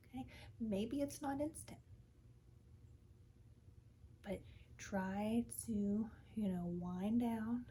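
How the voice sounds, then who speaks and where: A woman speaks as a calm therapist in an ASMR role-play. Her delivery is slow and reassuring, often sinking into a breathy soft voice. The tone is mellow and soft, with some noise behind it. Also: medium pitch. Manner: calm, soothing therapist manner; reassuring, gently coaching with short repeated phrases.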